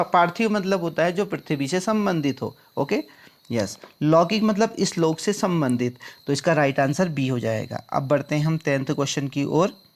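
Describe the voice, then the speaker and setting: Man going through exam questions, higher-pitched. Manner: drills answers by repeating them back as questions; addresses viewers as friends. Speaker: exam prep teacher. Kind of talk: explaining quiz answers.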